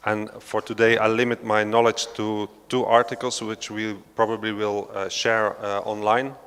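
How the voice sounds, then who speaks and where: Speaking unscripted on a panel in an art centre's large hall, this Belgian researcher has a low, fairly monotone voice, a clean tone and a moderate pace. His delivery is halting, full of "uh", "um", restarts and non-native turns of phrase, all trailed by long reverb from the room.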